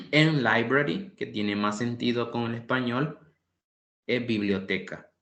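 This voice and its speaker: Slow, deliberate man. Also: medium pitch, fairly bright tone. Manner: repeats each word slowly, explains patiently, clears throat often. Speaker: English tutor. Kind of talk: online language class. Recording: echoey room.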